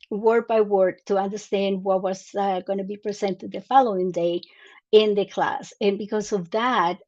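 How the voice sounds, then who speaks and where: A woman's voice: mid-range voice, a little mellow, lo-fi sound. A woman in her sixties from Mexico, a native Spanish speaker, earnestly telling her story as an interview guest with many fillers and restarts. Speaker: guest, Army veteran.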